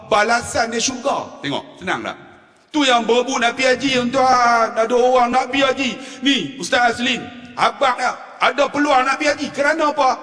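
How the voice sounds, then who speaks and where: A male preacher gives a humorous sermon at a mosque forum, telling animated stories, laughing at his own jokes and calling out to the congregation. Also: very high voice, distant mic. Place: mosque hall. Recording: long reverb from a mosque hall.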